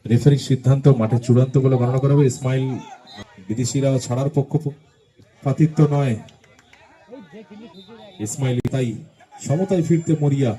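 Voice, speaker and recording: A man giving excitable live football play-by-play, calling passes in short bursts. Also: medium pitch, normal speed, pauses often. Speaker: football match commentator. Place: outdoors at a local football ground.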